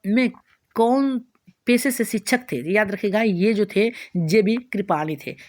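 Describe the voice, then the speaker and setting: Woman, teacher, Bihari Hindi accent, exam-prep question drills, repeats and restarts, mid-pitched voice. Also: measured pace, darkish tone. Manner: repetitive question-and-answer drilling with frequent restarts. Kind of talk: exam-prep quiz lesson.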